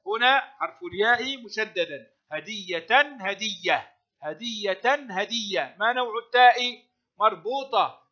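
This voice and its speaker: A male primary school teacher giving a recorded lesson for young children, slowly stretching out and repeating words and praising his pupils. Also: high-pitched, pushed and bright, muffled recording. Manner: slow, drawn-out repetition of words for pupils, frequent praise.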